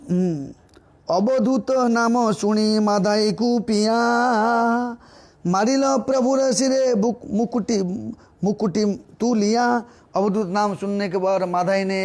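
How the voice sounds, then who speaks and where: Man preaching, pretty high voice, slips into slow chanted verses. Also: darkish tone. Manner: chants slow verses between fast explanation. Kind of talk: devotional sermon with sung verses.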